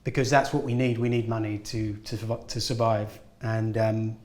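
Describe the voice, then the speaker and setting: A man's voice: on the low side, flat delivery, moderate pace. A man, a guest actor, giving earnest, encouraging advice in a casual interview. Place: film studio at a school event. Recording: roomy, echoey room.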